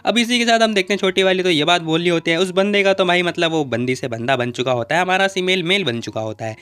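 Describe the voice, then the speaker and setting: A man's voice: high voice, fast, fairly bright tone, smooth. A man narrating a comic recap in a casual, joking way, with asides to the viewers.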